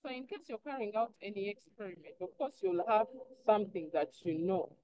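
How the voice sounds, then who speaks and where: A chemistry teacher walks through an online lesson step by step, instructive and often asking prompting questions she then answers herself. Her voice is medium-pitched, mellow and brisk with lively intonation, and the class audio is dull and lo-fi.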